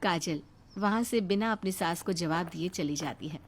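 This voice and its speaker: A woman giving steady scripted narration for a cartoon moral story. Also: fairly low pitch, moderate pace.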